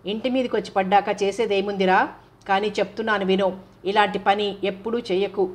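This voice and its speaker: A woman's voice: mid-range voice, steady tone, brisk, lightly acted. A woman voicing an affectionate elder sister who scolds her younger brother in an audiobook novel. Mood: reproachful. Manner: reproachful, teasing.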